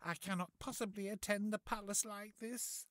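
A man's voice: sits high, steady tone, normal speed, no room sound, clean studio sound, voice pushed up. Man putting on a meek young storybook heroine. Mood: worried. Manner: soft, hesitant, polite. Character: gentle kind young woman, meek and wistful.

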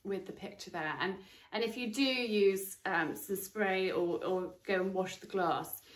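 In a sunlit garden room at home, a woman in her forties talks through a cleaning demonstration as she works, friendly and full of filler words. Her voice sits in the mid range and moves at a measured pace. The room is echoey, with faint background noise.

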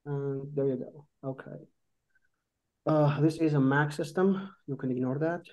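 A man, a company co-founder, gives a relaxed, informal software demo over a group video call, with frequent fillers and restarts. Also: mid-range voice, a little slow. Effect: heard over a group video call. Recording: dull lo-fi video call audio.

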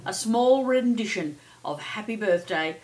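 A woman's voice: medium pitch, expressive, a little slow, darkish tone, poor audio. A middle-aged or older woman hosting a chatty daily horoscope as a psychic, playful, theatrical and effusive, often calling listeners darling. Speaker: psychic and astrology host.

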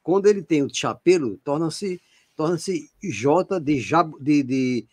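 A Brazilian radio co-host with a husky edge to his voice walks listeners through pronunciation, repeating each point and tossing in examples. The sound is dry and close, with no room echo. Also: a little high, animated, takes it slowly, darkish tone. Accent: Brazilian Portuguese. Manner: explains by repeating himself, with examples and checks like "né?" and "entendeu?". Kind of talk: casual explanatory chat.

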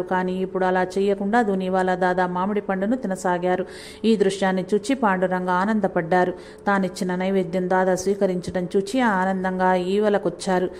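A woman reading a saint's life story aloud, in a steady, measured way, pausing to correct her own slips. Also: lowish voice, a little hiss or hum. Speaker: narrator reading a saint's biography. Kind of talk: devotional book reading.

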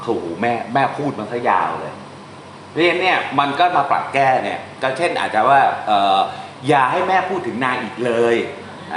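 A male translation teacher giving an informal classroom lesson, talking through examples step by step and reading English lines slowly. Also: medium pitch, a bit bright, reverberant, slight background noise.

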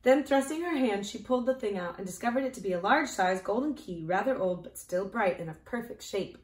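A woman hosting a children's show, reading a storybook aloud in a clear, expressive way. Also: medium pitch, brisk. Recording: roomy echo.

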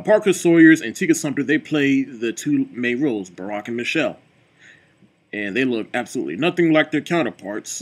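Husky, chatty male film reviewer. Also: mid-range voice. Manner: relaxed and chatty, with many fillers like "like" and "you know". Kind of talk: casual movie review.

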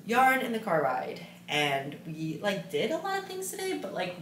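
A woman's voice: lowish voice, a little hiss or hum. A young woman chatting casually in a rambling, self-deprecating way while vlogging her crochet work. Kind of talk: casual vlog chat. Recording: echoey room.

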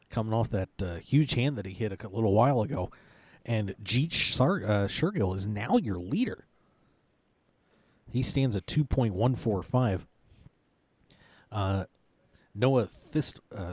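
A man's voice: fairly low pitch, darkish tone, dry recording. A man hosting live poker tournament coverage, calling hands and reading chip counts in a chatty, loose play-by-play with plenty of filler words.

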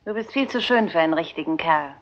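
A woman's voice: deep voice, lively intonation, fast talker. An actress playing a defiant circus woman who mocks and rebuffs a pushy admirer, in a German film dub. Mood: taunting. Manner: scornful, taunting, with hissed whispers. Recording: dull lo-fi film soundtrack.

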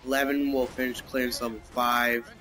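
A young man with a mid-range, level, sharp-toned voice at a moderate pace comments casually as he plays a racing game. He rambles and reacts aloud in this let's-play while fighting the hiccups.

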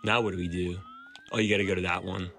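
A man's voice: sits low, flat delivery, quick pace, pushed and bright. A young man commenting on a game with friends, wry and profane, grumbling about tedious parts. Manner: wry, profane, complains and jokes. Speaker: co-host. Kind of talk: let's play commentary.

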